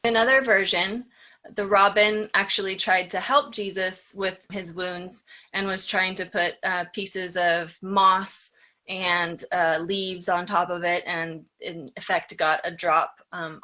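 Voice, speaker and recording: A woman hosts an educational show, recounting folklore in a chatty, casual style with light asides. Her voice is medium-pitched with a sharp tone.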